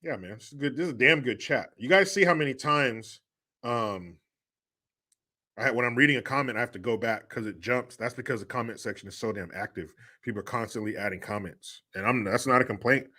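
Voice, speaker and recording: A man's voice: mid-range voice, a little fast, bright, forceful tone. A man hosting a casual live stream, bantering loosely with viewers and swearing freely. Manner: laid-back, profane banter.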